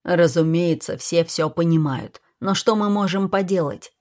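A woman's voice: lowish voice, measured pace, darkish tone, lightly acted. A woman voicing an angry, protective man who speaks in a stern, clipped way in a storybook reading. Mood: grim.

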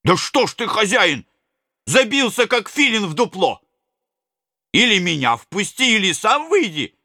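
Man reading as a blustering servant, folksy exclamations, lively swings, bright edge. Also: sits high, a little slow, no echo, studio quality, pitched above the performer's own voice, heavily acted. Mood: agitated. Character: agitated middle-aged male servant, superstitious and blustering.

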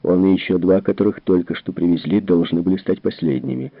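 A man's voice: low-pitched, brisk, creaky, slightly rough, dry recording, full character voice. A man reading aloud who voices a worried, troubled general explaining things earnestly, on a tinny narrow-band recording. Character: worried, troubled middle-aged male general.

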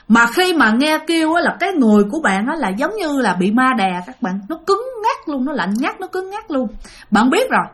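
A woman's voice: fairly high pitch, fairly bright tone. A woman hosting a ghost story channel, narrating chattily and speaking straight to her listeners. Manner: chatty, addresses listeners directly.

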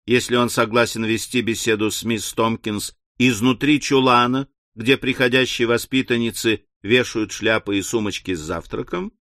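A man narrating an audiobook of a classic comic novel in an expressive storytelling manner. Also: mid-range voice, dry recording, clean studio sound. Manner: expressive, lifting his voice for quoted shrieks. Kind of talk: scripted literary narration.

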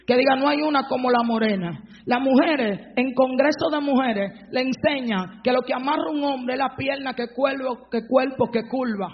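A woman preaching a fervent sermon, breaking into shouted praise, on a dull lo-fi recording. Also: sits high, normal speed, hardly any pauses, long reverb tail.

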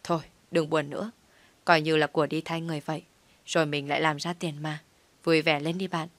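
A woman voicing a worried, loyal young man who chatters fast and frets about his friend. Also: low voice, level tone, no room sound, close to an everyday voice. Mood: consoling.

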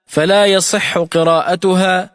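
A man's voice: high voice, level tone, fairly bright tone, dry recording, studio quality, long reverb tail, faint music behind. A man teaching Quran recitation on radio. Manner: explains rules clearly, then recites examples slowly and melodically.

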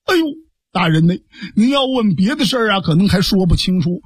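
Sly fawning male informant, as a male storyteller puts him on, husky, close dry sound. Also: high-pitched, lively intonation, fairly quick, no room sound. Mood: fawning report.

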